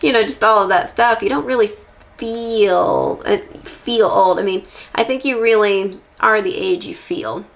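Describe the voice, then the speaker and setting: A woman in her forties talking to the camera in a relaxed, reflective way. Her voice carries a gravelly, fry-laced edge, and she muses candidly, often restarting small phrases as she thinks aloud. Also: medium pitch, unhurried. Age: 40s. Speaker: vlogger. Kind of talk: casual reflective chat to camera.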